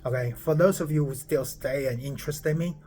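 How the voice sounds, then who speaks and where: A man in his forties from Taiwan, a startup founder, rambles to camera on his phone in a casual way, repeating himself and regularly checking "okay?". His voice is husky and dark, medium in pitch, and a little fast.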